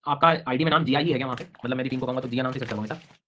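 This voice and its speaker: In a dull, lo-fi recording with a little hiss or hum, a medium-pitched man teaches an online geography lesson at a very fast clip. He explains material briskly and quizzes students, addressing each by name.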